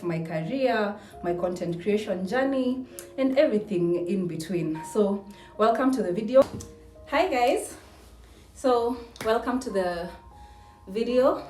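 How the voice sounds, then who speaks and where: Indoors at a house, a woman content creator with a mellow mid-range voice leads a casual discussion, chatting and posing questions. The mic is distant and the room echoes, with faint music in the background.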